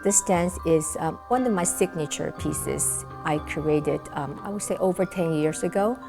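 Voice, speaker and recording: A middle-aged woman from Taiwan speaks in an interview about her work as a choreographer. Her voice sits low with a gravelly edge, and she searches for words with frequent fillers. Music plays clearly behind her. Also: unhurried. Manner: thoughtful, many fillers and restarts. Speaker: choreographer and dancer. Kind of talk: interview answers.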